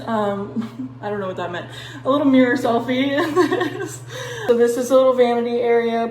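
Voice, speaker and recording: A woman's voice: fairly high pitch, darkish tone, a little hiss or hum. Bubbly woman vlogger in a very echoey room. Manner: bubbly, enthusiastic, giggly. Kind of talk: casual chatty apartment tour vlog. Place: indoors, small empty unfurnished apartment. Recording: echoey empty apartment, long reverb.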